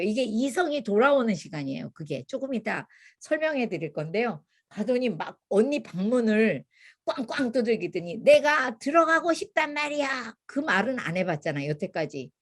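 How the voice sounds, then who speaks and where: A woman's voice: mid-range voice, normal speed, slightly rough. Older woman telling parenting stories. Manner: lively storytelling, acting out quotes. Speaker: parenting class teacher. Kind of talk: church parenting lecture with anecdotes.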